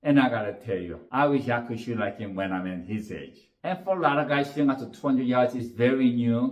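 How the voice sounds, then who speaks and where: An earnest man narrates a shooting match as a voice-over, plain and steady in an ordinary middle register. He links his sentences with "and" as he goes. The sound is roomy, with a noticeable echo around the voice. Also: mid-range voice, quick pace, lo-fi sound. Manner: plain, earnest storytelling with many "and" openers. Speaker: shooting instructor.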